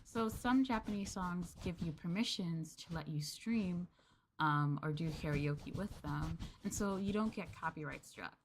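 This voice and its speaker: Calling her audience Masters, this woman VTuber streams in a lowish voice at a measured pace, her casual chat sprinkled with ums and likes. Slight background noise can be heard.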